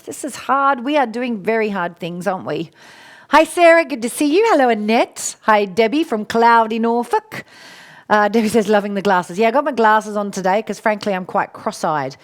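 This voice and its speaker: A middle-aged Australian woman hosting a casual live stream, greeting viewers by name and laughing often. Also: medium pitch. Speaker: coach and live show host.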